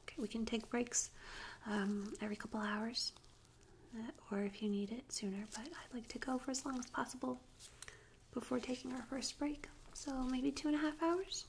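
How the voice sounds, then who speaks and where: Speaking close to a binaural stereo mic, a woman in a tattoo artist ASMR roleplay murmurs slow, breathy directions and sometimes whispers. Her fairly high voice holds a steady tone, and some noise can be heard.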